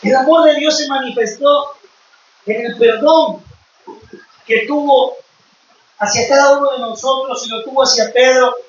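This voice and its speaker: High-voiced preacher in an echoey hall. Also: male voice, a little slow, long pauses, slight background noise. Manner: emphatic preaching that retells scripture, often calling out to the brethren. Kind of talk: sermon to a congregation. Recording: echoey hall, distant dull mic.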